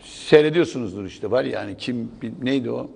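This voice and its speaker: A man's voice: medium pitch, a little fast, creaky, a little mellow, husky. A man giving sarcastic morning news commentary in a TV studio. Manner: sarcastic, mocking.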